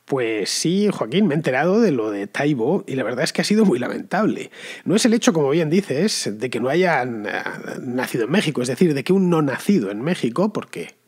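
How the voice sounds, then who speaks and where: A man's voice: mid-range voice, very animated, brisk, a little mellow, slightly rough. A man from Spain with a Spanish accent, hosting a show and answering listeners in a conversational, wandering way with frequent restarts. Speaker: podcast host. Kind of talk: casual commentary answering listeners.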